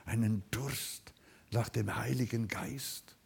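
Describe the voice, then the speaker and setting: A man preaching a sermon, fervent, swinging between loud calls and quiet asides. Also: mid-range voice, steady tone, slow, gravelly, slightly rough.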